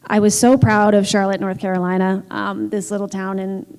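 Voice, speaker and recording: Her mid-range voice is clear and resonant, darkish in tone, with little pitch movement and a moderate pace. She's a team executive speaking frankly and forcefully during a panel discussion, filler words cropping up frequently. The room adds a long hall reverb.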